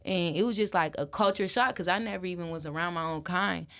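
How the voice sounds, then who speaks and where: A woman's voice: on the low side, quick pace. A young woman from Wisconsin, a guest in a casual interview, talking loosely with lots of "like" and frequent laughter. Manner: loose and animated, heavy use of "like", laughs often.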